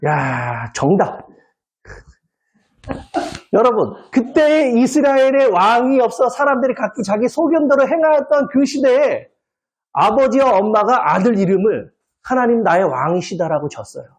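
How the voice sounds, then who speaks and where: A male pastor mid-sermon in a church service, his pitch swinging widely as he teases the pews with little jokes. He keeps firing questions at the listeners and nudging them for answers with a quick "eh?". His delivery sounds lively and conversational rather than solemn. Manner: quizzes the congregation with constant "eh?" prompts; jokey, playful wordplay.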